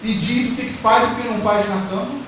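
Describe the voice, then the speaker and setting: High-voiced preacher in an echoey hall. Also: male voice, steady tone, fast talker, fairly bright tone. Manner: emphatic, rhetorical questions to the congregation. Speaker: pastor. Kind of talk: sermon. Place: church hall. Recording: very echoey hall from far off, faint noise.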